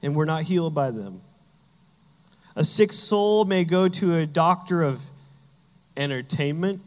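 A man's voice: fairly high pitch, animated, a little slow, a little mellow, big-room sound. A man preaching a sermon as pastor, telling Bible stories with humor and acting out the characters.

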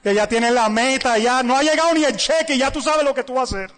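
A man, a pastor preaching a sermon and telling a story with lively acted-out dialogue. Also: extremely high pitch, quick pace. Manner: animated storytelling, acting out dialogue.

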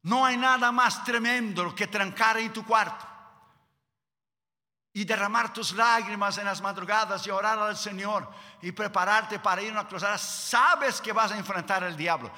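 A male preacher with a high, strikingly bright, piercing voice, delivering a dramatic sermon. He shifts between emphatic declarations and hushed, lowered asides. The sound rings with a long church hall reverb. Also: moderate pace. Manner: dramatic, acts out quotes in lowered voices, drops to a hush.

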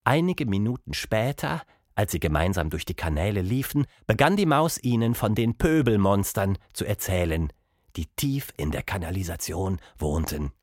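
A man narrating a children's audiobook with expressive storytelling. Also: lowish voice, moderate pace, dry recording, clean studio sound.

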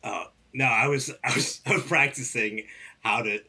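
A man co-hosting a podcast with halting, jokey improvised comedy talk. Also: medium pitch, pushed and bright, breathy edge. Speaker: podcast co-host. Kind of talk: improvised comedy monologue and banter.

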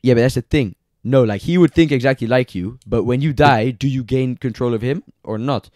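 A man's voice: mid-range voice, a little fast, a little mellow, dry recording, clean studio sound. A young adult man rambling casually in heavy slang as a podcast co-host. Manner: slangy, rambling, says bro often. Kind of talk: casual chat.

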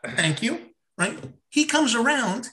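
A man co-hosting a casual chat podcast, telling stories in an animated way and acting out his own confusion. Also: very high-pitched, slow. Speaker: podcast co-host.

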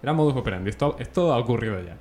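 A man's voice: medium pitch, lively intonation, rapid-fire, crowd noise. A man, co-hosting a podcast and telling a story in casual chat, acting out the quotes. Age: 20s. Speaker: podcast co-host.

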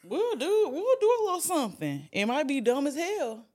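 A woman's voice: high-pitched, wildly swooping pitch, moderate pace, a little mellow. A young woman hosting a podcast, chatting casually, swearing and laughing a lot. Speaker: podcast host. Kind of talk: casual chat.

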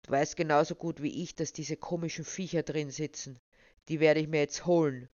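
A woman reading a storybook and voicing a hostile young man who hisses threats, speaking lower and louder than her narration. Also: steady tone, moderate pace, dry recording, muffled recording, close to an everyday voice. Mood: snarling. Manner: snarling, threatening. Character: rough young man, hostile hunter type.

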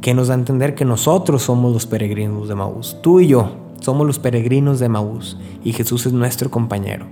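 Earnest man with a mellow voice. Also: medium pitch, fairly quick, hardly any pauses. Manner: earnest, conversational, speaks straight to the listener. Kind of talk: spoken spiritual reflection. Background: faint background music.

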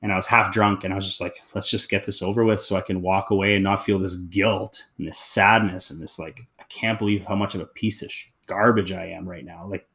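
A man's voice: low-pitched, fairly even intonation, fairly quick, few pauses, a bit bright. A man in his thirties, an interview guest telling his personal story in a candid, reflective, loose conversational way.

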